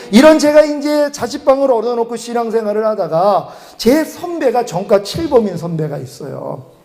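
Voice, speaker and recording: Male preacher with a strikingly high, animated voice, sharing a revival testimony. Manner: animated storytelling, chuckling as he tells it. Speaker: preacher giving his testimony.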